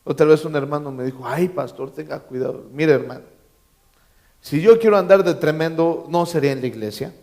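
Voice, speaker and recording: A man's voice: a little high, lively intonation, brisk, a little mellow. A man preaching a sermon as pastor, emphatic, repeating key phrases and quizzing his congregation with joking asides. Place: church.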